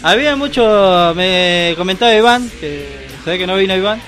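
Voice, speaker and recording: Chatty Rioplatense man, higher voice. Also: expressive, moderate pace, fairly bright tone, faint music behind. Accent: Rioplatense Spanish. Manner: chatty, joking, trailing off with tag questions. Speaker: radio co-host. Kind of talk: casual radio chat. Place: radio studio.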